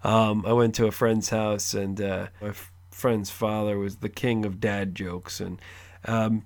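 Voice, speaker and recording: A man co-hosting a podcast, telling stories in a relaxed, easygoing casual chat. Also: fairly low pitch, measured pace. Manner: laid-back storyteller with easy laughs. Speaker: podcast co-host.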